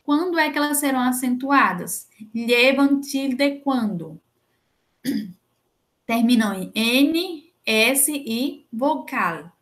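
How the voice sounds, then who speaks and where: A woman's voice: high voice, expressive, slow pace, fairly bright tone. A young adult woman with a Brazilian Portuguese accent, teaching a Spanish lesson and patiently explaining rules with frequent checks like "né?" and "tá?". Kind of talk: recorded online lesson.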